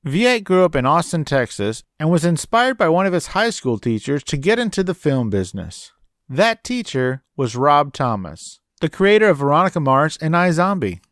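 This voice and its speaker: Male podcast host, casual and breezy, slightly high voice. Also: big pitch swings, normal speed, fairly bright tone, no echo, studio quality. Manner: breezy, addresses listeners as guys. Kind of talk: casual podcast chat and ad reads.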